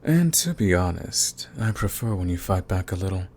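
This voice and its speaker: A man's voice: low voice, very animated, moderate pace, darkish tone, a little hiss or hum. A man playing a smug, flirtatious villain who is fond of the enemy, in an intimate ASMR romance roleplay with taunting, drawling menace. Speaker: audio roleplay voice actor.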